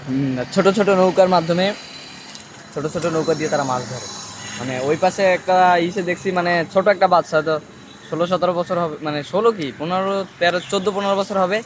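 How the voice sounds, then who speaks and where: A man's voice: sits high, fast talker, slight background noise. A man chatting in a rambling, casual way on a trip outdoors, a little away from the mic. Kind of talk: casual travel chat.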